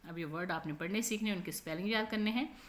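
A woman teacher going through a textbook lesson, repeating each point patiently and reading the English examples slowly. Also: mid-range voice.

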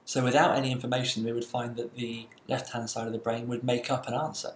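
A man delivers a university lecture at a mid-range pitch, explaining step by step with the odd "uh". The recording picks up a roomy echo and a faint hiss underneath. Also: level tone. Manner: explanatory, measured, with some fillers.

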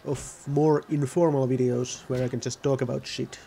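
A man's voice: medium pitch, fairly even intonation, normal speed, vocal fry, dark tone. A man giving casual, rambling gameplay commentary, often correcting himself mid-sentence. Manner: rambling, self-correcting, offhand. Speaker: gaming video host.

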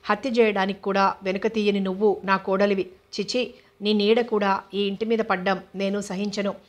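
A woman's voice: medium pitch, little pitch movement, normal speed, lightly acted. A woman voicing a fierce, possessive older mother-in-law in a storybook reading, commanding and harsh. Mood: furious.

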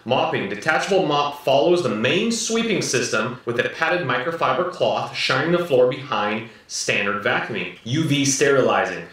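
Unboxing a gadget at home, this upbeat product reviewer from the United States, in his thirties, keeps saying "very, very cool, guys" in a slightly hoarse, mid-range, somewhat bright voice. A camera mic a little way off records the echoey living room.

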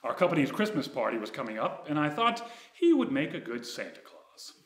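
A man's voice: a little high, sing-song, fairly quick. Wry man reading a story on stage. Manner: wry, ironic, reading from pages, gesturing. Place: dark theater stage. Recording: echoey theater stage.

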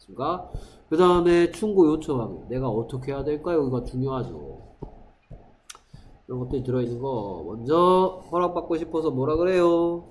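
A male English teacher, giving a classroom lecture and drilling English phrases slowly. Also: on the high side, lively intonation, a little hiss or hum, low-quality recording. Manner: drills phrases slowly, acts out loud quarrels with students.

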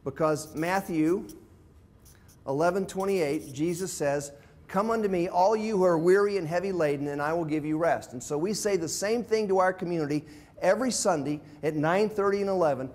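An older man of about sixty, a pastor visiting South Africa from abroad, gives an informal, plain-spoken teaching talk to a group, explaining things step by step. His voice is high-pitched and a little mellow at a normal speed, recorded on a lapel mic in an indoor classroom with a whiteboard and screen.

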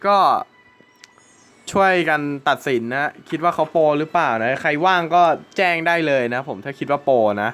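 A young man with a bright, somewhat high voice talks his way through a game session for his channel. He chats casually with viewers, then bursts into exclamations and curses when the fight turns. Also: normal speed, clear, resonant tone, faint music behind. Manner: chatty, swears and exclaims at the game. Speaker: gaming channel host. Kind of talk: casual gameplay commentary.

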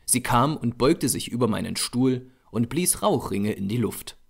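A man narrating a horror audiobook in a measured, expressive storytelling manner. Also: mid-range voice, gravelly, slightly rough.

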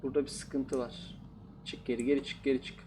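A gaming YouTuber plays a horror game, commenting casually, cracking jokes, and talking back to the on-screen characters. His medium-pitched voice is flat and a little fast, with background noise.

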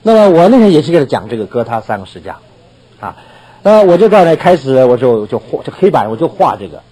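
A man's voice: medium pitch, very animated, fast, mellow, slightly rough, rough recording. An older man preaching a sermon as a pastor, telling a story with laughter and acted-out dialogue.

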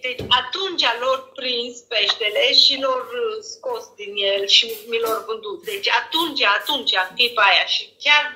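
A woman chatting casually in her home kitchen, animated and quick to exclaim. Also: a little high, echoey room, slight background noise, rough recording. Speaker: home cook and vlogger. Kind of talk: casual family chat.

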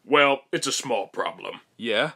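A man playing a stern cartoon boss who keeps a hot temper under measured, menacing politeness. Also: medium pitch, expressive, gravelly, pushed and bright, slightly rough, full character voice. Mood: controlled, menacing.

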